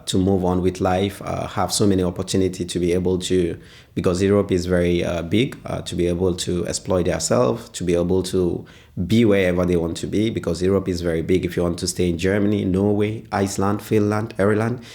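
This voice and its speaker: Deep-voiced man, hesitant. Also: mellow. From Ghana. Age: 20s. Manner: hesitant, pauses often with "uh". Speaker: interviewee, father of two. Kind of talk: interview answers.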